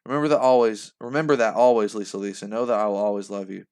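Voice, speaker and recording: A man doing a gentle comforting mother. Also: fairly low pitch, fairly even intonation, quick pace, close to an everyday voice. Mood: soothing.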